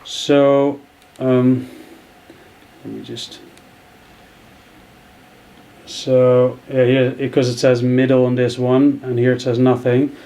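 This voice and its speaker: Man, thirties, editing tutorial, slow and hesitant, warm mellow voice. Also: mid-range voice, level tone. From Netherlands. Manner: thinking aloud, halting, many fillers. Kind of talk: screen-recorded tutorial narration.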